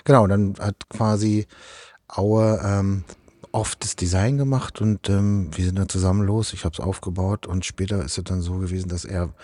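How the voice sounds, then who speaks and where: A man's voice: low-pitched, fairly even intonation, normal speed, darkish tone, no room sound. A man from eastern Germany answering interview questions casually, rambling with many fillers and restarts. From East Germany. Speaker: project manager in event lighting.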